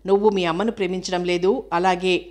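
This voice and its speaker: A woman's voice: fairly low pitch, fairly even intonation, brisk, a little mellow, close to an everyday voice. A woman reading the part of a grieving, clingy young woman who speaks plaintively and with reproach. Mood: reproachful.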